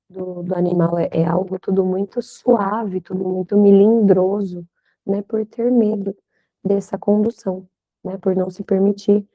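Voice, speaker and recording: Mellow-voiced woman teaching, full of questions. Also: fairly low pitch, highs cut off. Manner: reflective, asks many questions, frequent "né?". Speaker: instructor. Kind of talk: recorded online lecture.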